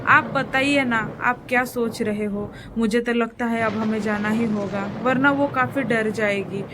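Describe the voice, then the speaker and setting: A woman's voice: fairly high pitch, a little slow, background noise, natural voice. A woman voicing an anxious, caring mother sparrow in a cartoon story.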